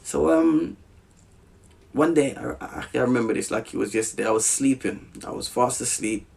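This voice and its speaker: A man from Southeast London, with a South London accent, tells a personal story as a podcast guest in a lively, casual way, often checking that the listener is still with him. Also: mid-range voice, normal speed, creaky. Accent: South London English. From Southeast London, England. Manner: animated, checks in often with "you with me?".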